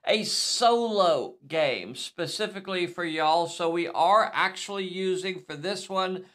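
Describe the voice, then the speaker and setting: Male stream host, bright tone, slow and jokey, casual. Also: high voice. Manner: jokey, does quick silly impressions. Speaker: game designer hosting a live stream. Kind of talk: casual live-stream chat.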